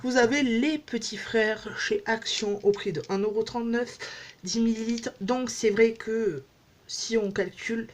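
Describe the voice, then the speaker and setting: A woman's voice: on the high side, a little slow, slight background noise. A woman beauty vlogger chatting casually at home through a makeup demo, rambling and joking at herself with many fillers.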